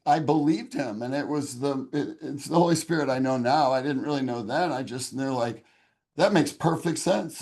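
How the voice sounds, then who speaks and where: A man's voice: mid-range voice, a little mellow. A man giving an interview and sharing his personal testimony, speaking in an earnest, raw, and emotional way. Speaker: interview guest.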